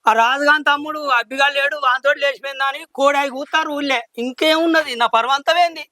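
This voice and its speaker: A man's voice: extremely high pitch, fairly even intonation, fast, sharp tone, dry recording, full character voice. A man playing a proud worried village father. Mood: upset. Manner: pleading, then stubborn. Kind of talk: village drama acting.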